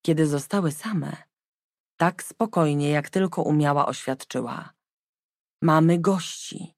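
A woman narrating a historical novel in an even, measured audiobook style. Her voice sits low with a gravelly, creaky texture. The recording is close and dry. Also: dry recording. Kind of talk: scripted narration.

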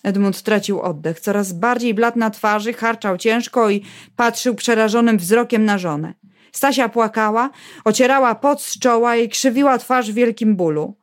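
Woman narrating a novel, slightly high. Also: normal speed. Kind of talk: audiobook narration.

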